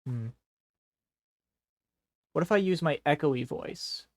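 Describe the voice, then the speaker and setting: A man's voice: a little high, expressive, takes it slowly, no echo, clean studio sound. A man streaming a game, chatting casually and explaining things patiently in simple steps. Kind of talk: casual gameplay chat.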